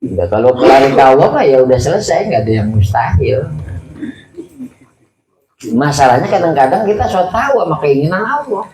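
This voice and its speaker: A man's voice: fairly high pitch, very animated, brisk, long pauses, a little mellow. A man giving a casual sermon, explaining Arabic phrases line by line in a colloquial way. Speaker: religious teacher. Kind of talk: casual sermon teaching from a kitab. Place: mosque study gathering. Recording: roomy hall with faint ambience.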